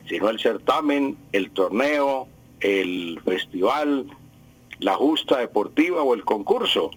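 An older man explains points of usage like a patient teacher, going over the key words again and again. His voice is husky, and the studio sound is dry and close. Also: medium pitch, no room sound, poor audio. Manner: didactic, repeats key words. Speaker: language expert answering listener questions. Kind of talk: radio call-in explanation.

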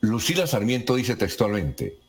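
Low-voiced radio host. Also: male voice, sing-song, moderate pace. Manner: reads listener messages, asks follow-up questions. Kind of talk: radio morning show hosting.

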